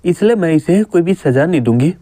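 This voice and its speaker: A man's voice: a little high, expressive, a little fast, mellow, no echo. A man voicing a flirty female elf village head, coaxing and forward.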